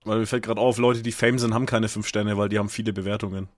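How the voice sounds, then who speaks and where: A young man co-hosting a podcast in casual chat, teasing his friend with deadpan banter. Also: on the low side, quick pace. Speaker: podcast co-host.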